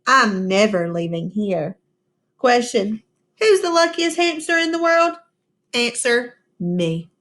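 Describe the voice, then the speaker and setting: Lady reading as a tiny anxious boy hamster, super dramatic, slow storybook voice. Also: on the high side, animated, a bit bright. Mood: delighted. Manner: dramatic, swinging between despair and delight. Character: small worried boy hamster narrating his diary.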